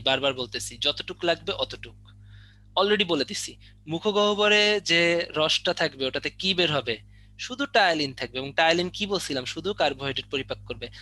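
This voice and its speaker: A young man runs an online biology lesson for exam prep. His voice is bright and sits a little high, and he keeps quizzing the class and playfully threatening to beat anyone who answers wrong. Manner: teasing mock threats, drilling questions. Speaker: biology tutor.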